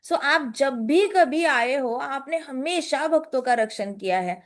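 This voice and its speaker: High voiced woman telling a scripture tale, lively and chatty, throws in english words. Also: takes it slowly. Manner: lively, playful, mixes in English phrases. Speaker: storyteller of scripture. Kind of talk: casual religious storytelling.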